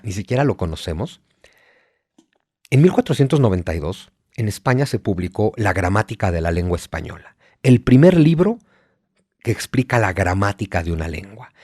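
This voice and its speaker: A man's voice: medium pitch, dark tone, husky, dry recording, clean studio sound. A man with a Mexico City accent, speaking as a guest in a podcast interview, passionate and emphatic, piling up points with rising energy. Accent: Mexico City Spanish. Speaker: guest historian.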